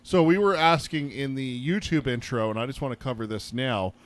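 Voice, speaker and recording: A man's voice: mid-range voice, fairly quick. A man co-hosting a podcast, speaking in a casual, informal, teasing way. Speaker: podcast co-host.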